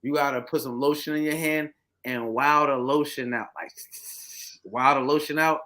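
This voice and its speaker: A man's voice: on the high side, fairly even intonation, sharp tone. A man co-hosting a podcast, teasing and cursing in casual chat and saying "yo" a lot. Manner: joking, profane, quick to tease, says "yo" a lot. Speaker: podcast co-host.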